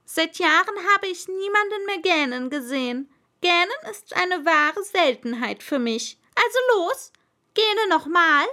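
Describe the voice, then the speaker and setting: A woman's voice: very high voice, expressive, measured pace, pushed and bright, voice pushed up, full character voice. A woman voicing a proud, stern but kindly old king in a storybook reading, with pompous, commanding declarations.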